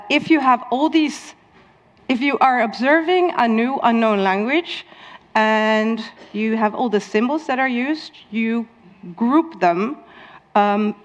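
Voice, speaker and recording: Woman, Dutch native, conference lecturer, unhurried delivery with frequent ums, long reverb from the hall. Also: fairly high pitch. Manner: many ums, laughs at own asides. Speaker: speaker at a conference talk. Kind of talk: lecture on linguistics.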